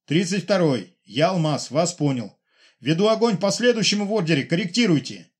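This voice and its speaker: A man doing a crisp radio flagship commander. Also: on the high side, lively intonation, fairly quick, pitched above the performer's own voice. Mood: commanding.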